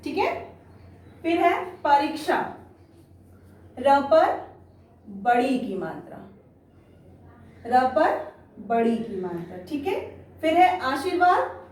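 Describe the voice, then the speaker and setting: High-voiced woman teaching in an echoey room. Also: big pitch swings, darkish tone. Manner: slow, patient, repeats each word and keeps saying "theek hai". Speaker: primary school Hindi teacher. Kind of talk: online class lesson. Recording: echoey room, distant mic, faint noise.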